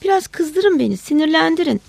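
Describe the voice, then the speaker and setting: A woman voicing a frustrated male policeman who pleads and then shouts angrily. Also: very high-pitched, expressive, brisk, gravelly, dry recording, pitched above the performer's own voice, heavily acted. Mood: pleading. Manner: wheedling, then shouting curses.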